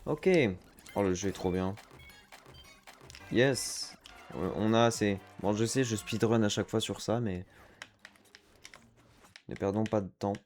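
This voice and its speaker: A man's voice: on the low side, fairly even intonation, a little slow, pauses often, darkish tone, soft background music. A man giving chatty let's-play commentary as a gaming streamer, reacting aloud to the game and dropping English slang.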